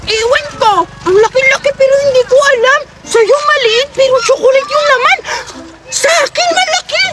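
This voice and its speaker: A woman voicing a cheeky child who sings and shouts eagerly for a present. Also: normal speed, background noise. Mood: excited. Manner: shrill, cheeky, loud. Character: cheeky child Alexa singing for gifts.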